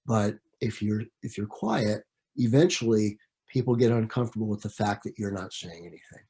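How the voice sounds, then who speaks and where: A man's voice: fairly low pitch, normal speed, dark tone, husky. A man leading a training session in a conversational way, with frequent fillers and repeated words. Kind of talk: training presentation.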